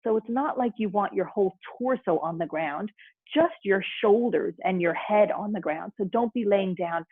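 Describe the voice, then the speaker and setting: A woman teaching restorative yoga, giving soothing, unhurried step-by-step instructions. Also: mid-range voice, breathy edge, no room sound, phone-quality sound.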